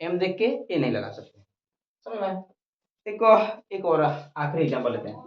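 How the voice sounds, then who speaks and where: Lively-pitched tutor teaching grammar step by step, in an echoey room on dull, lo-fi audio. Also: normal speed. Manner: repeats each point, asks questions and answers them. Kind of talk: whiteboard grammar lesson. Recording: roomy, dull lo-fi recording.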